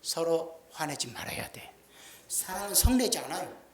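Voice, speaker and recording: A man's voice: on the high side, sing-song, normal speed, in a whisper. A middle-aged male pastor preaching a sermon in a folksy, joking way, acting out little everyday scenes. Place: church sanctuary. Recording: echoey church sound.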